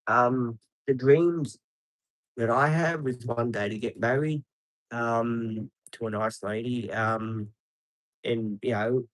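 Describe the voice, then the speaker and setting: A man's voice: mid-range voice, fairly even intonation, slow pace, no echo. Rambling man in his fifties. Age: 50s. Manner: rambling and chatty, many ums, answers viewers by name. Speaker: live streamer. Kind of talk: casual live stream chat. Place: outdoors beside traffic.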